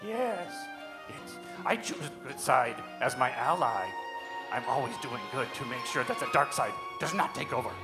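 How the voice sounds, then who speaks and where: A woman voicing a tiny ancient alien sage in a live church comedy skit, speaking in inverted word order with drawn-out yeses. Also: very deep voice, lively intonation, over loud music, pitched below the performer's own voice. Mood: solemn.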